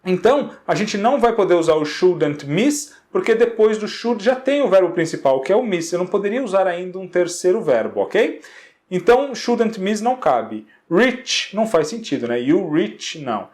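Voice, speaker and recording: A man's voice: high voice, very animated, normal speed, a little mellow. A male teacher from Brazil patiently walking students through an English exercise in Portuguese, checking in with constant rhetorical questions.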